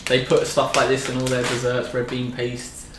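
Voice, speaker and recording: A man's voice: medium pitch, completely flat delivery, normal speed. A man hosting a casual snack review in conversation. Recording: echoey room with background noise.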